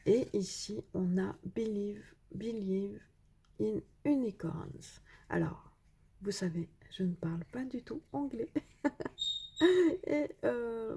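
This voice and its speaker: A woman's voice: medium pitch, warm tone, slight background noise. A woman vlogger chatting casually while unboxing craft mail, hesitant with many fillers and full of enthusiastic praise.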